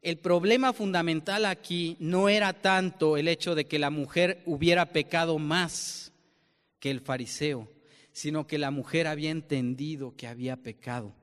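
A man preaches with a fairly high voice, and a long reverb hangs on his words as the sound rings through a large hall. He keeps turning to his listeners with questions and explains with plain everyday examples. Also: fairly even intonation, normal speed, a bit bright. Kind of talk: sermon.

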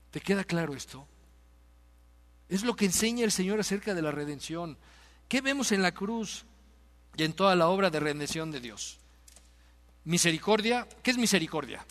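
A man's voice: fairly high pitch, fairly bright tone. A man preaching a sermon, emphatic and pressing rhetorical questions on his listeners. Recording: long reverb of a large hall.

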